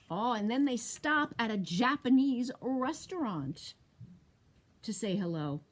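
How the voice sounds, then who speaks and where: Reading a picture book slowly in a fairly high voice, a librarian leads storytime for young children. She stays animated throughout, pausing to ask them questions.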